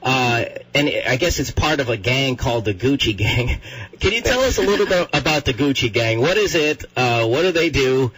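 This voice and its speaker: A man hosts a morning radio show from the studio, firing quick and pushy questions with a joking edge. His voice sits a little away from the mic. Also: mid-range voice, big pitch swings, fairly bright tone, breathy edge, far from the mic, poor audio. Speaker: radio host.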